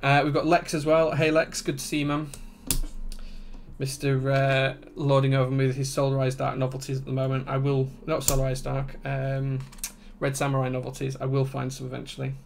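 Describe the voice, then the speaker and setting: A man with a broad Yorkshire accent chatting casually as he hosts a livestream, relaxed and conversational. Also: mid-range voice, a little fast, vocal fry, slight background noise. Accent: broad Yorkshire English. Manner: relaxed, conversational, reading out chat comments. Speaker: livestream host and keyboard builder.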